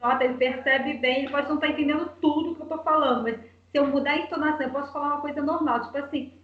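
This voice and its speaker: A woman, a mother and interview guest, answering in a lively, anecdotal way. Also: high voice, rapid-fire, echoey room, far from the mic, narrow, tinny audio.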